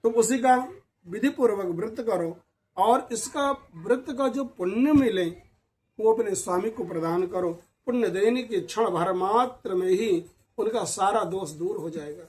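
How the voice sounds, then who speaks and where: A man voicing a kind, calm old sage in a storybook tale, speaking in a gentle, instructive way. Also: high voice, measured pace.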